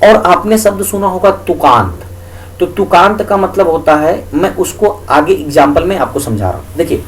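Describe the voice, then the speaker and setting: A man's voice: sits high, lively intonation, normal speed, a little hiss or hum, low-quality recording. A male teacher explaining a lesson for exam students, asking questions and answering them himself and repeating each key point.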